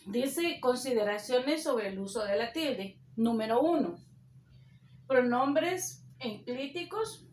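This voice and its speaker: A woman teacher giving a recorded spelling lesson, dictating rules slowly and deliberately. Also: a little high, expressive, darkish tone, echoey room, a little hiss or hum.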